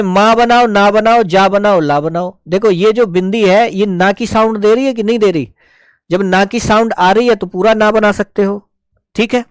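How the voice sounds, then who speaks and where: A man's voice: high-pitched, clean tone, no room sound, clean studio sound. A man teaching a live online shorthand class, explaining each stroke step by step and patiently answering his students.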